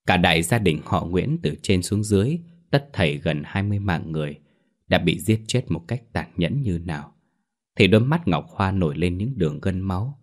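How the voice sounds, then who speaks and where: A man narrating a story in a steady, even reading voice. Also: deep voice, normal speed.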